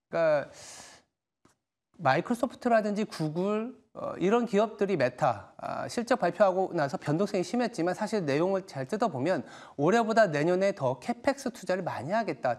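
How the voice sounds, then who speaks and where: A man hosts a televised stock market talk, his voice sitting on the higher side for a man. He lays out market moves in a measured, explanatory way, dropping small fillers as he goes. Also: a little mellow. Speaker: TV stock market show host. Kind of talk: broadcast market commentary and interview.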